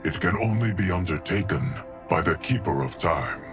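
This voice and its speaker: A stoic guardian of time from a video game, speaks in a very low, unhurried, solemn tone. Each word lands measured and weighty. A clear musical score plays underneath. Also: male voice, expressive. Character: ancient stoic male timekeeper guardian. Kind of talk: video game cutscene acting. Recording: game audio with music bed.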